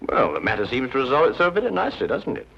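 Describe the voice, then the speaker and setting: An actor playing a brisk, witty Victorian detective who lays out deductions in a cool, teasing, precise way. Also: male voice, mid-range voice, wildly swooping pitch, gravelly, a bit bright, breathy edge, heavily acted. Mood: amused. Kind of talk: 1950s TV drama acting. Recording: dull 1950s TV soundtrack with music.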